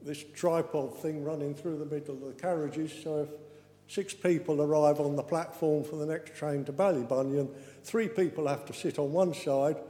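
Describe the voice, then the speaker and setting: Man, mellow and slightly high, chatty storyteller at a slide talk; roomy hall. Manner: chatty, good-humoured storytelling. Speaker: speaker describing a trip. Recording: echoey hall with long reverb.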